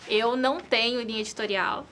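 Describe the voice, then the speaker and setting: A woman's voice: fairly high pitch, a little fast, a bit bright, a little hiss or hum. A woman from Brazil, an entrepreneur and content creator answering interview questions in an earnest way, repeating key phrases for emphasis.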